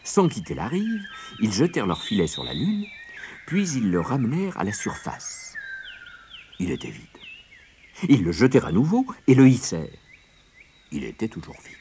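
A man narrating a children's story with expressive, lively delivery. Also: fairly low pitch, normal speed, long pauses, slight background noise.

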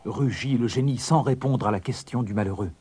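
A man's voice: mid-range voice, fairly quick, warm tone, a little hiss or hum. A man narrating a fairy tale in a scripted, suspense-building storybook reading.

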